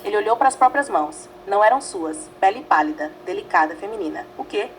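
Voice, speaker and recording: A woman narrating a fanfiction story in a dramatic, measured way, reading in short phrases. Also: mid-range voice, animated, slight background noise, rough recording.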